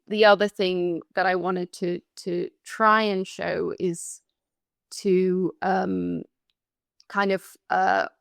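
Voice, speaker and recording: A woman from London on a film podcast, talking through her thoughts in a casual discussion, pausing often and hunting for words. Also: lowish voice, creaky, a bit bright, no room sound, studio quality. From London, England. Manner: thoughtful and hesitant, searching for words. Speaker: podcast panelist.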